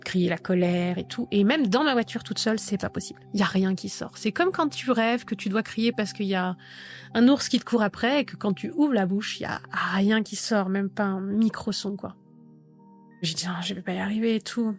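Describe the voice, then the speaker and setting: A woman's voice: mid-range voice, normal speed, soft background music. A woman in her thirties, a podcast guest telling a personal story and vividly acting out remembered dialogue. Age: 30s. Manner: vivid narrator who acts out remembered dialogue.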